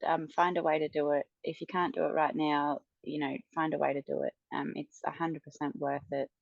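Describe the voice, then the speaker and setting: A woman speaks as a podcast guest in a low, flat, gravelly voice, stopping and restarting with many fillers. The sound is dry and slightly dull, with no room echo. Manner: hesitant, halting, many fillers, soft. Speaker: coaching client and podcast guest. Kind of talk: podcast interview testimonial.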